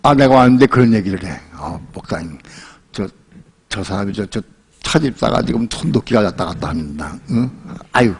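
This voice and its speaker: An older male pastor preaching a sermon in a relaxed, colloquial way, telling a personal story and acting out the voices in it. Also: fairly low pitch, normal speed, creaky, breathy edge. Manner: colloquial storytelling, acts out quoted voices and laughs often.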